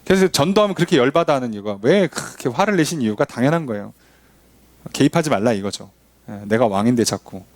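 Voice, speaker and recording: A man's voice: medium pitch, expressive, fast, no room sound. A male pastor preaching a sermon, asking the congregation rhetorical questions. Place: church.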